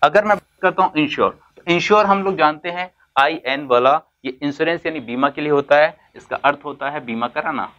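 A man's voice: on the high side, a bit bright, muffled recording. A man teaching basic English terms in a classroom-style lesson, mixing Hindi with English words and asking then answering his own questions. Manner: stretches out words slowly for emphasis.

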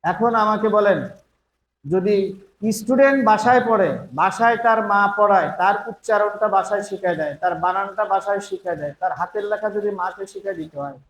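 Educator at a meeting: man, high pitch, rhetorical, echoey hall mic. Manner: rhetorical questions, mixing in English phrases. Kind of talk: public speech.

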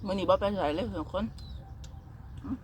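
A woman's voice: mid-range voice, a little mellow. A middle-aged woman with a northeastern Thai Isan accent, chatting casually between mouthfuls as she vlogs her meal. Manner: talks between mouthfuls, with chewing pauses. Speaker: vlogger. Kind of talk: casual chat while eating. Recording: noisy outdoor ambience with birds.

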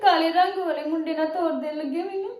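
A woman's voice: very high-pitched, quick pace, a little mellow. A young woman playing a distraught village daughter who pleads tearfully. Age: young adult. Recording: echoey room.

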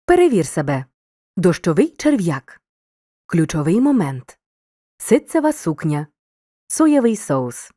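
A woman reading a scripted video lesson as a teacher, giving examples in a clear, deliberate way. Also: fairly low pitch, very animated, dark tone, no echo, clean studio sound.

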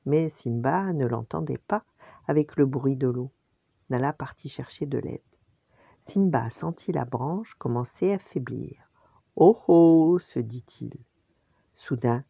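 An older woman, a grandmother, reading a bedtime story aloud in an animated way, acting out the voices. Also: deep voice, dry recording. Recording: dull lo-fi dry recording.

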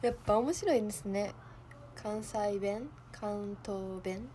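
A woman's voice: medium pitch, slow pace, mellow, slight background noise. A young woman with a Kansai accent, hosting a livestream in casual chat, playful and giggly, thinking aloud. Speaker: idol livestream host.

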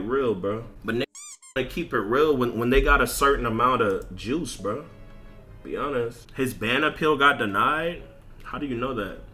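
An American streamer and content creator rants casually over gameplay during a livestream, using slang, swearing heavily, and repeating himself emphatically. His voice is medium-pitched, bright and forceful.

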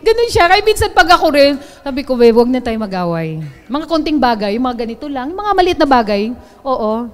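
High-voiced woman giving a training talk. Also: a little fast. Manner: lively, joking, teasing with the audience. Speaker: training speaker.

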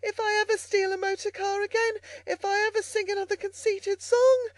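A storyteller voicing a conceited, excitable fat male toad from a storybook, exclaiming in a boastful, dramatic way. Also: very high-pitched, a little fast, no room sound, pitched above the performer's own voice. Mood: panicked, self-reproaching. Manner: boastful, exclamatory, swings from crowing to lamenting.

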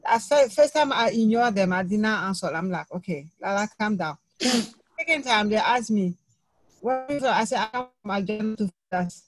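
Animated woman telling a story on a call. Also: mid-range voice, moderate pace, faint music behind, low-quality recording. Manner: animated storyteller, non-native grammar, laughs at own story. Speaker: study circle participant. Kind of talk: telling an anecdote on a video call. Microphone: video call.

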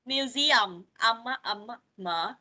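A woman, an English teacher on a video call, patiently coaxing children and modeling words slowly for them to repeat. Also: on the high side, animated, sharp tone. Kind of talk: online English lesson for children.

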